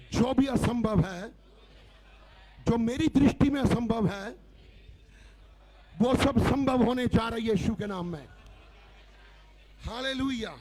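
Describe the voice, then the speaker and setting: Fervent high-pitched male pastor. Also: a little mellow. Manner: fervent, call-and-response, chanting refrains. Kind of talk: Hindi church sermon. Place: church service.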